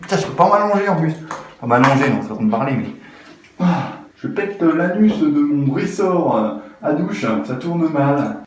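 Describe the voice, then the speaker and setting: A man joking and swearing loudly as he struggles through a chaotic do-it-yourself repair video, muttering one moment and yelling the next. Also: a little high, expressive, moderate pace, distant mic. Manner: swearing, frustrated, joking, swinging between mutters and yells. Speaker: YouTuber. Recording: very echoey room, faint noise.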